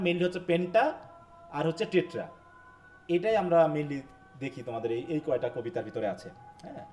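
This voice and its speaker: A man with a high, slightly mellow voice and a Bangladeshi Bengali accent teaches English in a live online class. He explains by repeating things and quizzes his students as he goes.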